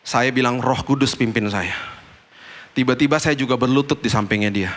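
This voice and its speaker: A middle-aged man, a pastor preaching a storytelling sermon and acting out the dialogue with big swings in pitch. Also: normal speed, a bit bright.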